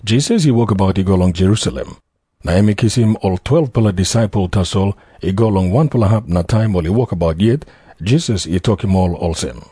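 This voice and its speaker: Man, Papua New Guinean accent, scripture narrator, deep-leaning raspy voice, dark tone. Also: a little fast, no room sound, clean studio sound. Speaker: Bible narrator.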